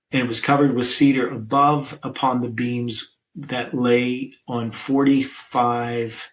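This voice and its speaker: A man's voice: medium pitch, gravelly, a bit bright, low-quality recording. Man leading a Bible study, thinking aloud. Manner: thinks aloud, reads scripture verses aloud.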